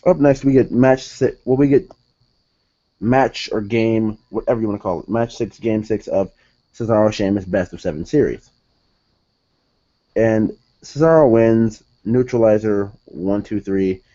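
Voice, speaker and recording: A man's voice: on the low side, unhurried, dark tone, dull audio. A young man reviewing a wrestling show in casual solo talk, rambling, correcting himself and sounding exasperated.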